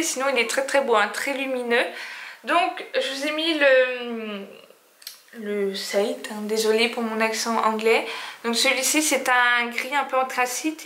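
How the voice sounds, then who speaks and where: A woman's voice: fairly high pitch, sharp tone. A woman reviewing makeup in a casual vlog, talking hesitantly with many fillers and restarts. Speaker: beauty vlogger. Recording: echoey room.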